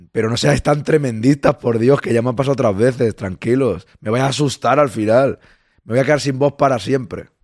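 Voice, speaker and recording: A man, hoarse and losing his voice, hosting a live-stream podcast and chatting casually, greeting listeners and reading their messages aloud. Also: medium pitch, a little mellow, no echo, studio quality.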